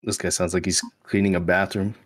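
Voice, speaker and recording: Man, game streamer, fairly low voice, casual chat and commentary. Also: little pitch movement, brisk.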